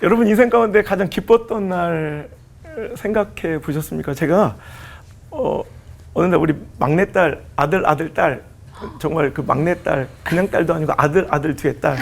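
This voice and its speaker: A middle-aged man from the Chungcheong region, a pastor telling lively, laughing stories and acting out quoted lines on a church talk show. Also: on the high side, normal speed, gravelly. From Chungcheong region, South Korea. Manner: animated, laughing storytelling that acts out quoted lines.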